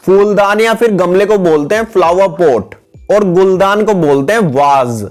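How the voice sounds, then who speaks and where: Faint music sits under the close-miked voice-over of a male English teacher with a high-pitched voice, reading a picture vocabulary lesson a little slowly. He names one item after another in an even, patient, repetitive way, sometimes calling his viewers "guys."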